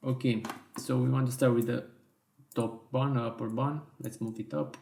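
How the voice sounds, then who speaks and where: A man teaching a software design tutorial in slow, step-by-step instructions with small self-corrections, his voice worn and going hoarse. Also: mid-range voice, fairly even intonation, roomy sound. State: losing his voice. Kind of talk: screen-recorded software tutorial.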